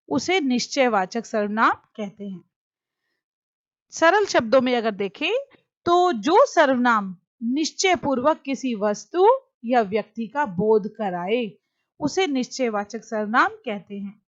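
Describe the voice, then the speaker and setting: A woman teaching a grammar lesson, explaining slowly and deliberately with examples. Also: sits high, dry recording. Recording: dull, dry lo-fi recording.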